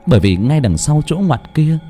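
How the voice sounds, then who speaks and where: A man's voice: on the high side, very animated, moderate pace, mellow, soft background music. A man narrating a horror audiobook in a dramatic, tense storytelling manner.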